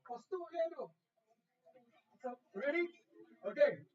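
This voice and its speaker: A man teacher coordinating students in a rehearsal, giving brisk, hurried instructions with frequent restarts. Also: very high voice, lively intonation. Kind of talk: instructing students, mixing Swedish and English. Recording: lo-fi, distant from the mic.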